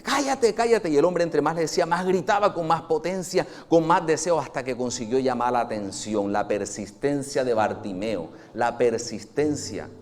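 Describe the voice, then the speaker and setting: A pastor giving a Sunday sermon, dramatic, moving between hushed and loud passages. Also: male voice, medium pitch, normal speed, hardly any pauses, slight background noise.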